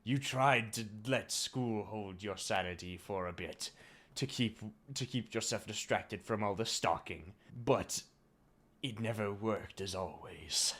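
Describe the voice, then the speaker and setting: Male co-host, low unhurried voice, halting comedic reader, light noise on the track. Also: fairly bright tone. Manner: reads haltingly with restarts, swears, breaks into laughter. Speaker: co-host reading fan fiction. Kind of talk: comedic dramatic reading.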